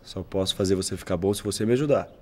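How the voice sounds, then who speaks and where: An actor playing a calm, reassuring young doctor in a telenovela, speaking with a Brazilian accent and a patient, explanatory manner. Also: male voice, deep voice, very fast. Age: young adult. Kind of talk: telenovela acting. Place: indoor television drama sets.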